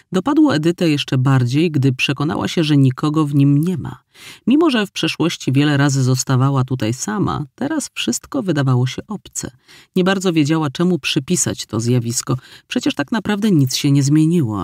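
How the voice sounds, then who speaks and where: A man reading an audiobook in measured, expressive scripted narration. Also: mid-range voice, no echo, studio quality.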